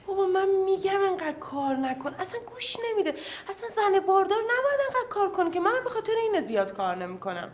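A woman's voice: very high voice, sing-song, few pauses, slight background noise. An actress playing an anxious, talkative pregnant young woman. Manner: worried, talkative.

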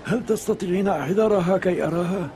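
An actor playing an older male doctor and father who talks calmly and gives gentle orders. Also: high voice, fast, lightly acted. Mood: firm. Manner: calm, fatherly, gently commanding. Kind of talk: dubbed TV drama acting.

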